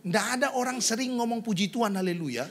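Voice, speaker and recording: A middle-aged male pastor preaching a sermon, constantly addressing the congregation and breaking into sudden loud bursts. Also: high voice, animated, fast talker, slightly rough.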